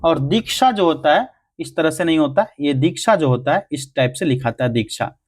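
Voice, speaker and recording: A man with a somewhat high voice teaches a grammar lesson for exam preparation. He works through each answer step by step. He poses questions and answers them himself. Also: expressive, moderate pace.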